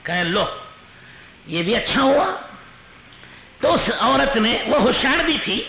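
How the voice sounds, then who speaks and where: A male Islamic preacher telling a story in a sermon, animated, with chuckling asides. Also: extremely high pitch, gravelly. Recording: roomy echo with faint noise.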